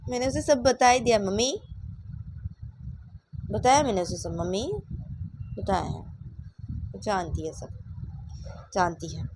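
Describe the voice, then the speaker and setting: A woman's voice: mid-range voice, measured pace, long pauses, noisy background, lightly acted. A woman voicing a defiant grown daughter who taunts and questions her mother. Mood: accusing. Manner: accusing, taunting, ends lines with questions.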